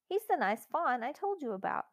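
A woman doing a bright, eager little girl. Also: high-pitched, sing-song, normal speed, pitched above the performer's own voice.

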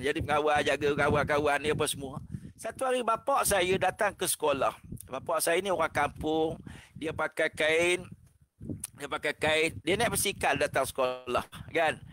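A man with a Malaysian Malay accent giving an animated religious talk over a video call, often exclaiming religious phrases and acting out the voices in his stories. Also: sits high, noisy background. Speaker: religious speaker on a parenting panel. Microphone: online video call.

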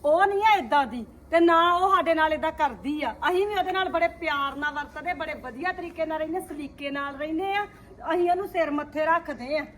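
Woman playing a defiant, very high-voiced daughter. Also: a little fast, fairly bright tone, a little hiss or hum. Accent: Punjabi. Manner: defiant, aggrieved, insistent. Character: married daughter demanding her share, aggrieved woman. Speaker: actor in a family drama. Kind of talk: scripted short film acting.

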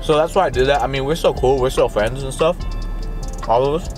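A young man chats to his viewers while eating, his speech loose and rambling, full of fillers and restarts. His voice sits at an ordinary middle pitch. Music plays clearly in the background. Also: a little fast. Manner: rambling, filler-heavy, laid-back. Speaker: vlogger. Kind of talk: casual chat to camera.

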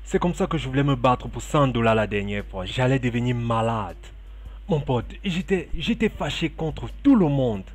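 An actor playing a joking friend who teases the husband and makes rueful promises. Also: male voice, medium pitch, lively intonation, normal speed, natural voice. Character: joking, teasing male friend, adult man. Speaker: friend and godfather. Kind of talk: dubbed film acting.

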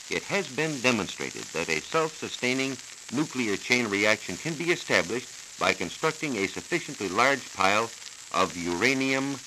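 In a radio studio, a medium-pitched American man works as a science reporter, delivering scripted, formal, instructive explanations at a measured pace for 1940s educational radio. The sound is preserved on an old transcription disc full of hiss.

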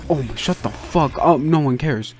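This young streamer, his voice a little high with a darkish tone, delivers let's play commentary at a moderate pace. He sounds casual yet flustered and exasperated, with frequent profanity.

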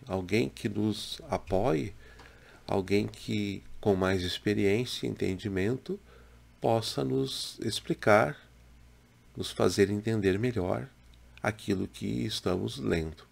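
A man in his sixties from Brazil, a pastor giving a slow, measured daily devotional to a webcam in a small home room. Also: on the low side, creaky. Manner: slow, measured, gentle preaching with pauses. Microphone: webcam in front, head and shoulders.

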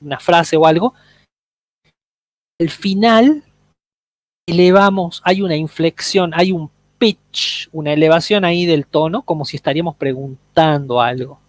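Slow, patient male English teacher. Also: on the high side, dry recording, low-quality recording. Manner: explains slowly, checks in with "¿ok?" and "¿sí?". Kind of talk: online language workshop.

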